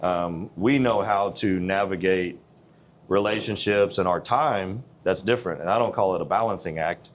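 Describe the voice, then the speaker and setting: A man's voice: low voice, normal speed. A man in his forties, a gym owner, talking in a blunt, earnest, plain-spoken way in a casual interview. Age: 40s.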